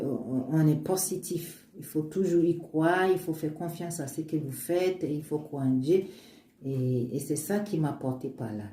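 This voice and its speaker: Speaking in a low, dark voice, a woman whose first language is an African language walks viewers through her homemade oils in a relaxed vlog, mixing English and French. Her manner is earnest and cheerful, with talk of faith and many restarts. It was recorded in an echoey room with faint background noise.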